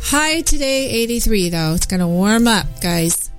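A woman with a mid-range voice co-hosts casual radio. She is chatty, dropping small asides into her reports and banter, with soft music underneath. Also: fairly high pitch, animated, a little slow. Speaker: radio show co-host, weather reporter.

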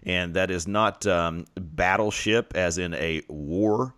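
A man's voice: deep voice, takes it slowly, a bit bright. A man with an Oklahoma accent hosting a casual podcast in a jokey, rambling way. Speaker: podcast host.

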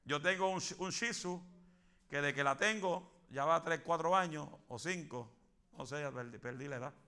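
A man preaching a fervent Pentecostal sermon, building to shouts and dropping in English phrases. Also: a little high, normal speed, clean tone.

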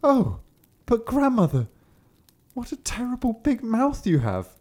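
A man voicing an innocent, trusting young girl in a high, sing-song manner. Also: wildly swooping pitch, a little slow, a little mellow, full character voice. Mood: wide-eyed.

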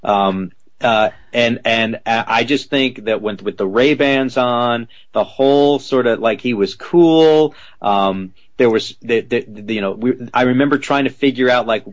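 This male voice actor, slightly deep in tone, stays unhurried while fielding interview questions with lively energy. The lo-fi recording catches him dropping into character voices mid-story.

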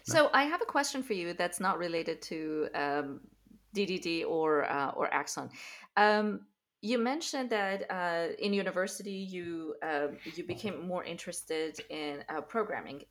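A woman's voice: lowish voice, lively intonation, unhurried, a bit bright. Encouraging woman interviewer. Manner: encouraging, frequent short affirmations. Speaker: podcast host interviewer. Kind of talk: casual interview conversation.

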